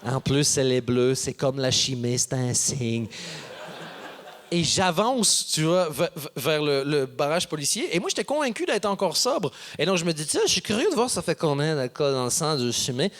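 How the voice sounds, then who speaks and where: A man performs stand-up comedy. His voice sits fairly high, and he jumps between voices to act out each person in his story. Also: moderate pace. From Canada. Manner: animated, acts out characters with voices. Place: theater stage before an audience.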